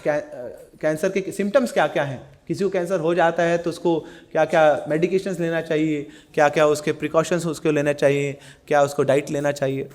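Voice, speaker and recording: A middle-aged man from India gives a scripture lesson, and his voice sits high for a man. He chants the verses slowly, then moves into quick, animated stories and acts out each character's lines. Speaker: Gita teacher.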